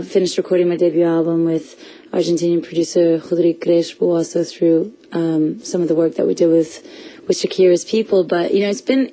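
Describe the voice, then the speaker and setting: Mellow-voiced young woman musician guest. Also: fairly low pitch, rough recording. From Portugal. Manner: chatty, laughs often, many restarts. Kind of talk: radio interview. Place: radio studio.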